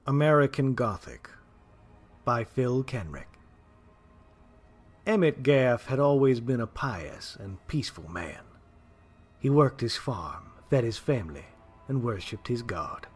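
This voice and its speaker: A man's voice: medium pitch, animated, unhurried, long pauses, breathy edge, soft background music. A man reading a short story aloud in a grave, subdued way. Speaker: narrator. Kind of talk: storytelling narration.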